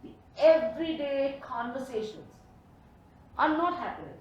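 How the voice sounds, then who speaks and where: Echoey, higher-pitched woman, posh Indian accent. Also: very animated, measured pace, darkish tone. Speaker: panelist. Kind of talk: impassioned panel discussion. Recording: echoey, noisy room, distant mic.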